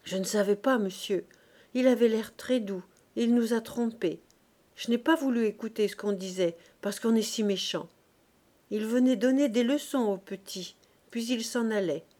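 A woman voicing a hot-tempered young market fishwife who bursts out in shrill, indignant tirades. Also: normal speed, warm tone, natural voice. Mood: self-justifying. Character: fiery young woman fishmonger, quick to rage.

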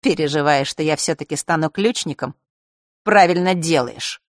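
A woman voicing a cool, guarded teenage boy in an audiobook, speaking in slow, clipped replies. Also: low-pitched, dry recording, clean studio sound, natural voice. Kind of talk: audiobook character reading.

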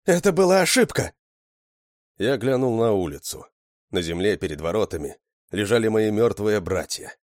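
A man narrating a story in steady, scripted audiobook style. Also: lowish voice, moderate pace, no echo, clean studio sound.

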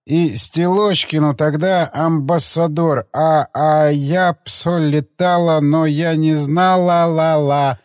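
A man voicing a very drunk male henchman who slurs and mumbles his words slowly in an audiobook. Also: a little high, fairly even intonation, a little mellow, no room sound, studio quality. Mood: drunken. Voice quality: slurred, slow mumbling. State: drunk, slurring.

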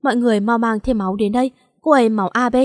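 A woman voicing a brisk, urgent nurse. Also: fairly high pitch, fairly even intonation, dry recording, studio quality, natural voice.

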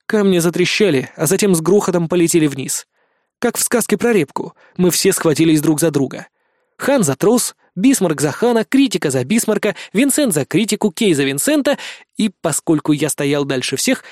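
High-voiced male audiobook narrator. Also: animated, fairly quick, a little mellow, dry recording, clean studio sound. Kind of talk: first-person novel narration.

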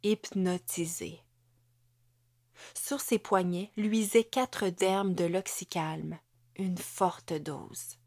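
Slow Québécoise audiobook narrator. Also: female voice, on the low side, a little mellow, no room sound, clean studio sound.

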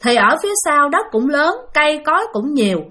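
A woman's voice: high-pitched, sing-song, brisk, bright, forceful tone. A woman narrating a ghost story casually, often turning to address her listeners.

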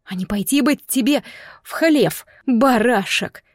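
A woman's voice: on the high side, expressive, measured pace, no echo, clean studio sound, pitched above the performer's own voice. A woman voicing a defiant, hot-tempered young bride who talks back sharply.

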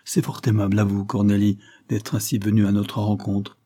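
Guy reading a sweet earnest husband, low husky voice. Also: little pitch movement, normal speed, dark tone, lightly acted. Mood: affectionate. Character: kind, affectionate young husband.

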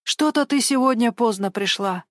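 A woman's voice: on the high side, normal speed, dry recording, clean studio sound, natural voice. A woman voicing an anxious, protective older man who speaks with urgent, indignant questions. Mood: concerned.

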